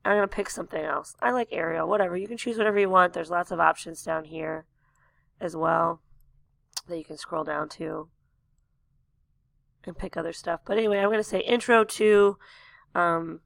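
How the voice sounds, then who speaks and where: Woman teacher, tutorial voice-over, gravelly and losing her voice, dry close sound. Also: on the low side, fairly even intonation, moderate pace, long pauses, fairly bright tone, no echo. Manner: plain step-by-step instructions, coughs and throat clearing. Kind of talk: screen-recorded software tutorial.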